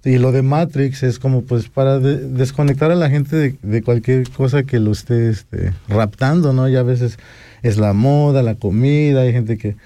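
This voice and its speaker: A Mexican rapper in his forties from Pachuca chats casually as an interview guest, often ending phrases with a questioning tag. His mid-range voice is warm and moves at a moderate pace, captured in a dry recording.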